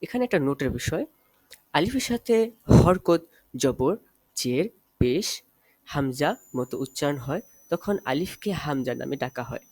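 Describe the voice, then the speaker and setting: A man teaching Arabic letter reading, reciting each letter and vowel mark in a slow, deliberate drill. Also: a little high, lively intonation, darkish tone, no echo. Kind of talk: spelled-out letter drill lesson.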